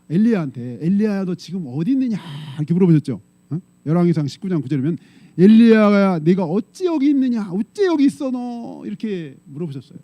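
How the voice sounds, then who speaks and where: In a church sanctuary, a male pastor preaches a conversational sermon, often asking his congregation questions and answering them himself. His voice is high-pitched but dark in tone.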